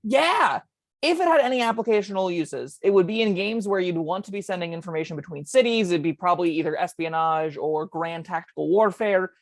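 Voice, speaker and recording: A woman co-hosting a casual tabletop game podcast, talking in quick chatty bursts with plenty of ums. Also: lowish voice, expressive, dry recording. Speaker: co-host discussing tabletop spells.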